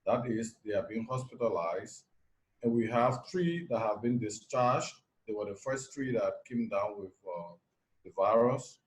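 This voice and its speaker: Measured, lower-pitched man from Liberia. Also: lively intonation, low-quality recording. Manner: measured, factual, with pauses and fillers. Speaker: nurse anesthetist. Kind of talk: video call interview.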